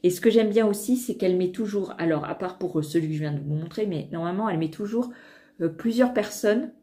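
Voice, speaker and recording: A woman with a lowish, mellow voice chats to the camera. She talks hesitantly, full of fillers and restarts, like a relaxed sewing vlogger. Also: fairly quick. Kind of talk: casual talk to camera.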